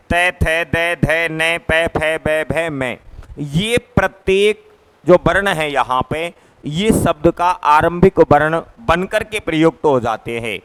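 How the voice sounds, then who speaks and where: A man teaching a grammar lesson in a classroom, his fairly high voice smooth and clear. He speaks slowly and patiently, sounding out each letter in turn and going back over his points. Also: a bit bright. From Rajasthan, India. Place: classroom, writing on a board.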